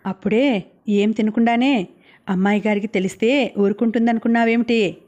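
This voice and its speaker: A woman's voice: on the high side, steady tone, moderate pace, a little mellow, lightly acted. A woman voicing a chatty young village woman who gossips in a confiding way, close to her own reading voice. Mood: gossipy.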